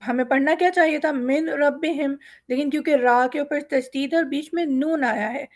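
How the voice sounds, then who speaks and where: A woman teaching a Quran reading lesson, explaining rules step by step and slowly drawing out example words for students to repeat. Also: sits high, darkish tone. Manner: mixes English words into her speech.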